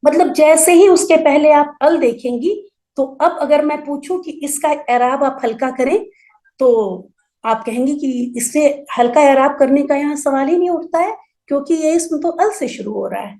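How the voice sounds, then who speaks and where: Female grammar teacher, high voice, patient and methodical, drills word forms aloud. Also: warm tone. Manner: explains patiently, repeats word forms slowly for emphasis. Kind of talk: online class lecture.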